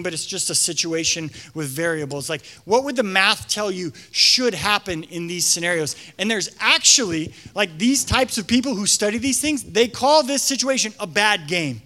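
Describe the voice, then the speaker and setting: A young man, a pastor, giving a casual storytelling sermon in an animated way, full of filler words. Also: high voice. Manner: animated, frequent fillers, acts out quotes.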